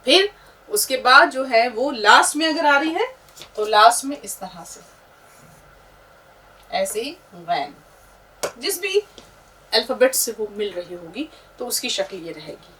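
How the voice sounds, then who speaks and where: A woman with a fairly high voice teaches a beginners' class, walking through each letter shape slowly and patiently. She points things out as she writes. Her voice sits a little back from the microphone. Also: big pitch swings, bright, forceful tone, recorded from a distance, a little hiss or hum, rough recording. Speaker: Urdu teacher. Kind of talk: step-by-step script lesson.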